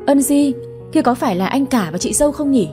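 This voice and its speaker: A woman's voice: high-pitched, animated, a little fast, mellow, faint music behind, pitched above the performer's own voice. A woman voicing a sly, scheming young woman who talks in a sweet, coaxing way.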